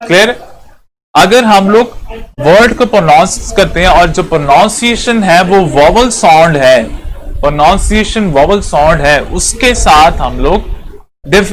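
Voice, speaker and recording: Man, Urdu speaker, English teacher, classroom lecture, fairly high voice, faint room noise. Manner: repetitive, checks students with "clear?".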